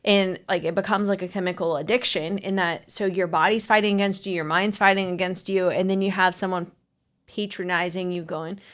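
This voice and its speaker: A woman speaks plainly and animatedly as a marriage coach. Her pitch sits in the middle for a woman. She talks in a casual chat style and often leans on the word "like.". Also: brisk, few pauses. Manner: frank and animated, many fillers like "like".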